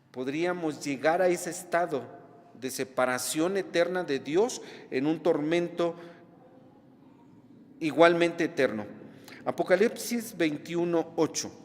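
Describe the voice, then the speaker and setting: A man's voice: a little high, in a large hall. A man preaching a sermon, emphatic, repeating key words and checking in with the congregation. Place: church.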